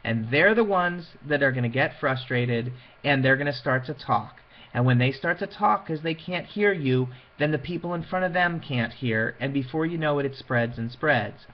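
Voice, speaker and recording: In dull audio, a man with an expressive medium-pitched voice talks at a moderate pace with few pauses. Addressing an audience on PA systems for wedding officiants, he keeps it conversational and emphatic, acting out small quoted asides as illustrations.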